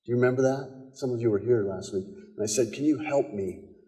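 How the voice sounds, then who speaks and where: Pastor preaching a sermon in a reverberant church. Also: male voice, mid-range voice, fairly quick, warm tone. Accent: American. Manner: storytelling, conversational with quoted dialogue and repetitions. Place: church sanctuary. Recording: long church hall reverb.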